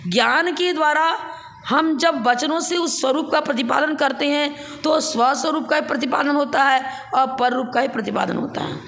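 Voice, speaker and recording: A woman's voice: high voice, creaky, a bit bright. A woman teaching a scripture class. She explains each point step by step, poses rhetorical questions and chuckles as she recites.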